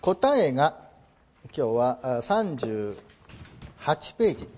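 A man's voice: medium pitch, big pitch swings, slow pace, darkish tone, highs cut off, slight background noise. A man teaching English translation in a lecture, mixing formal polite phrasing with playful joking asides.

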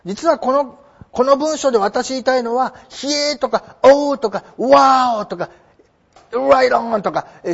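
A man teaching English, explaining a passage in an animated, emphatic lecture and reading the English lines slowly. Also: very high-pitched, dull audio.

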